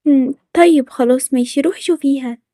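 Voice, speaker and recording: A woman with an Egyptian accent voicing a brisk, friendly girl who hosts her friend, in a cartoon story. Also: high voice, dark tone, no room sound, studio quality, lightly acted. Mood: concerned. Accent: Egyptian Arabic. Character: cheerful girl friend Tara, host of the visit.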